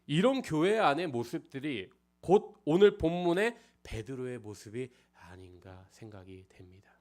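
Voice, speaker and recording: A man preaching a sermon, with a mid-pitched voice that rises and falls with feeling. He keeps asking his listeners questions. His volume swings from firm emphasis down to near-whispers. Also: big pitch swings, moderate pace. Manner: frequent rhetorical questions to the congregation. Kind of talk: expository sermon.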